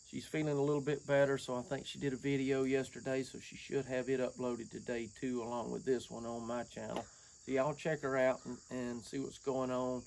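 A man's voice: medium pitch, gravelly, slight background noise. A man, chatting casually to camera about his sawmill in a folksy, rambling way, outdoors under an open shed. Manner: folksy, rambling, drawling with y'all. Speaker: woodworking vlogger.

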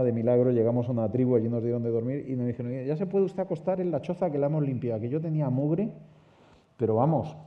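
A man with a Spain Spanish accent, speaking as a seminar panelist and telling an animated anecdote, with laughs and acted-out dialogue. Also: mid-range voice. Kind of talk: conversational storytelling. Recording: dull lo-fi sound.

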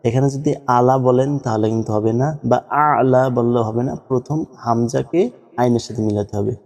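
A man teaching how to pronounce prayer recitations, drawing out each word slowly in demonstration. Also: medium pitch, fairly even intonation, darkish tone, big-room sound. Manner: slow, drawn-out demonstrations of pronunciation. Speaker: religious teacher.

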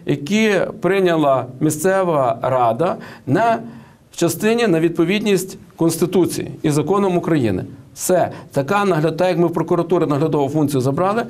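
A man's voice: a little high, animated, fairly quick, a little mellow. A man giving political and economic commentary in an interview, who hesitates with many fillers and restarts and tells anecdotes. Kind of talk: studio interview.

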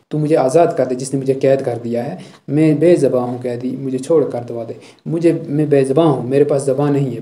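A male teacher explaining a poem line by line, reciting each verse slowly and then explaining it with a habitual "thik hai". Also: medium pitch, mellow. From Jammu and Kashmir.

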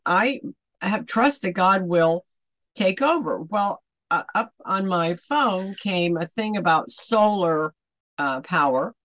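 Speaking in a medium-pitched voice from a small, furnished room in her home, a woman of about seventy delivers an off-the-cuff devotional message to camera as an online ministry host. She rambles, stresses her points forcefully, and leans on rhetorical questions. There's no echo in the recording.

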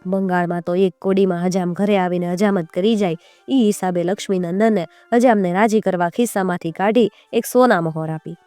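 A woman's voice: on the low side, steady tone, brisk, warm tone, dry recording. Woman telling a folk story, dry close sound, faint music. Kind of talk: folk tale narration.

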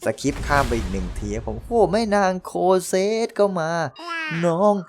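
A man's voice: a little high, big pitch swings, normal speed, slight background noise. A man hosting a gaming channel, giving casual, self-mocking commentary while opening game draws, with playful mock-archaic phrasing.

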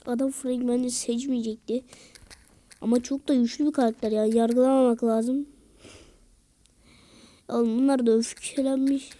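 A woman doing casual gameplay commentary, excitable and slangy, yelling at teammates in bursts. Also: a little high, moderate pace, long pauses. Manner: slangy, rough-talking banter. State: out of breath. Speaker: gaming video creator. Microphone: screen-recorded game commentary mic.

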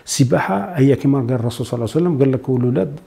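A man's voice: medium pitch, expressive, rapid-fire, creaky, mellow. A man with an Algerian Arabic accent, a doctor explaining a medical topic to TV viewers step by step, dropping French medical terms into his dialect. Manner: lists points step by step.

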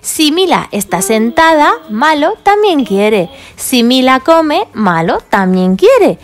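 Woman, high voice, cheerful, talking to children about toys. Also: very animated, slow pace. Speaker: toy video presenter. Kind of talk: toy play and review for children.

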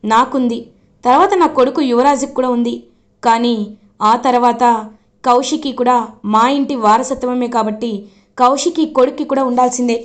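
Woman reading as an older family patriarch, firm and explanatory, high-pitched telling. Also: normal speed, pauses often, close to an everyday voice. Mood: explaining. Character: calm older male family elder.

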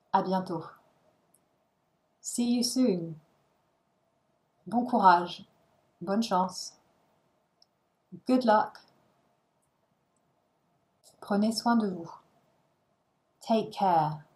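A woman reads set phrases for a language lesson, one short line at a time, each followed by its translation. She speaks at a very slow, deliberate pace with long pauses. Her pitch sits in an ordinary middle range. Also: darkish tone, poor audio. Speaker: language teacher.

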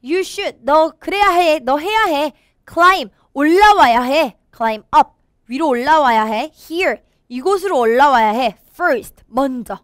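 A woman voicing a greedy, bratty young male squirrel in a storybook, loud and taunting. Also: high voice, expressive, takes it slowly, no echo, clean studio sound, full character voice.

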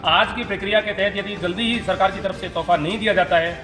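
A man's voice: high voice, fast talker, roomy sound, over music. A man, speaking for a teachers' union and protesting emphatically in a statement to a reporter.

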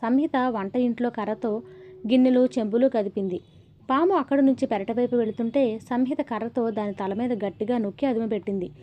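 A woman narrating a novel in a steady, even storytelling manner. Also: a little high, a little fast. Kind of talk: audiobook novel reading. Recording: dull lo-fi audio.

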